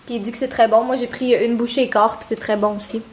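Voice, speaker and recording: A Québécois woman in her twenties vlogs casually, chatting, giggling and telling stories. Her voice is a little high with a flat delivery and a quick pace.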